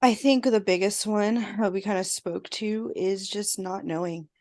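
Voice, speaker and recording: A woman therapist co-hosting a podcast in casual chat, a bit hoarse and clearing her throat as she loses her voice. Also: medium pitch, fairly even intonation, measured pace, darkish tone. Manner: conversational, reflective.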